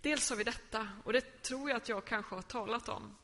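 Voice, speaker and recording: A woman's voice: fairly high pitch, fairly bright tone, big-room sound. A woman pastor giving an earnest sermon, explaining and reading Bible passages aloud.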